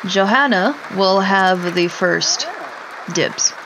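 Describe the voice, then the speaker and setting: Speaking slowly in a mid-range voice, a woman streams a life simulation game and chats informally to herself and the characters. Crowd noise is present, along with clear background noise and mouse clicks.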